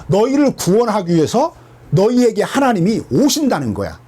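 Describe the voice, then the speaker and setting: A man's voice: high voice, wildly swooping pitch, moderate pace, mellow, husky. A man teaching from the Bible as a pastor, asking his listeners questions and answering them himself.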